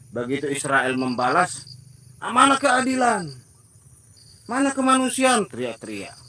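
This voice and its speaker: In a pushed, bright voice of medium pitch, an evangelist preaches with emphatic commentary. He keeps calling his listeners brothers and acts out dialogues that mock others.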